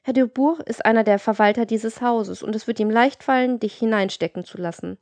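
A woman's voice: fairly high pitch, fairly quick, a little mellow, no room sound, lightly acted. A woman voicing a scheming, greedy procuress with a boastful, coaxing manner in an audiobook reading. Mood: cold.

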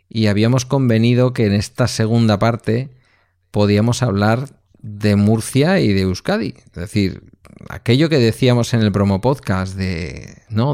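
A man's voice: on the low side, gravelly, darkish tone, dry recording, clean studio sound. A man the there, telling personal stories in a reflective way as a podcast co-host. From Basque Country, Spain. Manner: reflective anecdotal storyteller. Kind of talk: casual conversation.

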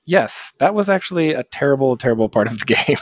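A man's voice: mid-range voice, lively intonation, fast talker, no room sound. A man co-hosting a casual gaming podcast, dry and teasing, often laughing. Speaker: podcast co-host. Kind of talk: casual chat.

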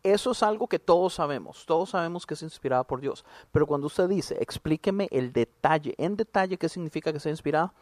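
A man's voice: fairly high pitch, lively intonation, fairly quick, hardly any pauses, a little mellow, no echo. A man co-hosting a podcast in casual chat, blunt and opinionated, with lots of slang. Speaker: podcast co-host.

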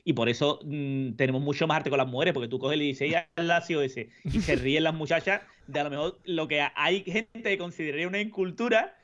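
A man's voice: fairly high pitch, fast talker, few pauses, fairly bright tone, dull audio. A man in a casual podcast chat, joking and acting out street slang. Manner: jokey, acts out street slang. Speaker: podcast co-host.

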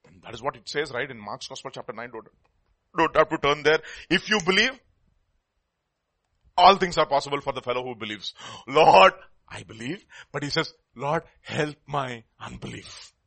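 A man's voice: medium pitch, brisk, long pauses, bright, forceful tone. A man with a South Indian Telugu accent preaching a sermon in a teacherly way, repeating key words for emphasis and putting questions to his listeners.

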